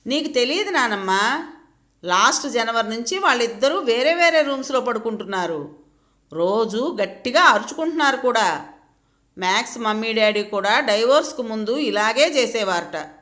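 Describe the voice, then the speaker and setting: A woman's voice: a little high, animated, normal speed, fairly bright tone. A woman doing a tearful little boy. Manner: childlike, pleading, sobbing speech.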